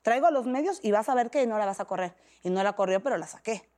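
She's in her thirties, talks quickly in a mid-range voice, and has a Mexican Spanish accent. Telling a personal story as an interview guest, she gets animated and acts out what others said in their voices.

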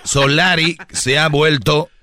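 A man's voice: fairly high pitch, fairly even intonation, slow pace, sharp tone, a little hiss or hum. A man hosting a casual sports chat, joking and teasing his co-hosts. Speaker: podcast host.

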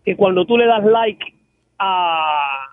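Loud Cuban man calling in by phone. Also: high voice, animated, slow, no echo. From Cuba. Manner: loud, jokey talk. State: has a cold. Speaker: caller. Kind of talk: call-in radio chat. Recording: phone line.

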